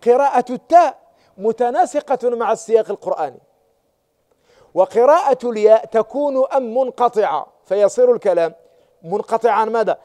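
Speaking fairly quickly with lively intonation, a man with an extremely high, mellow voice leads a Quranic exegesis class. He keeps checking understanding through rhetorical questions while emphasizing and repeating key words.

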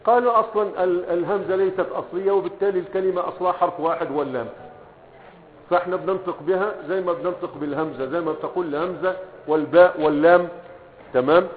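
A man's voice: high voice, racing. A man with an Egyptian accent teaching Arabic grammar in a classroom lecture, often checking that students follow and answering his own questions. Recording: tinny phone-like audio.

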